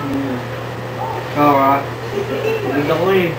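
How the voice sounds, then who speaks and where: A woman putting on a low male voice to play an exasperated young husband in a comedic fan redub. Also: steady tone, slow, reverberant, distant mic, heavy background noise.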